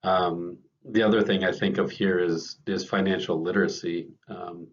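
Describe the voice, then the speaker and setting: A man's voice: sits low, fairly even intonation, moderate pace. Man with a scratchy cold-worn voice. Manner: casual, unscripted, many ums and restarts. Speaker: bank leader addressing staff. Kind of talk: informal staff talk. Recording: dull lo-fi recording.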